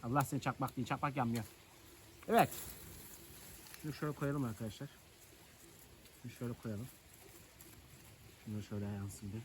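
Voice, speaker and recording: A man's voice: mid-range voice, steady tone, fairly quick, long pauses, slight background noise. A man vlogging outdoors in the countryside, chatting and joking with viewers while he lights a fire. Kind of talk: casual chat to camera. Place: outdoors in rural nature.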